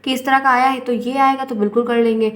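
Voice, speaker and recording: A woman's voice: a little high, steady tone, fast. A woman teacher with an Indian accent, explaining exam questions step by step and calling her viewers friends. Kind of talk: exam-prep lesson.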